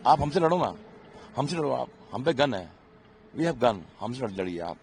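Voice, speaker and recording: A man's voice: medium pitch, big pitch swings, moderate pace, darkish tone. A middle-aged man, an army officer, speaking in an impassioned, emphatic interview, pleading and repeating himself.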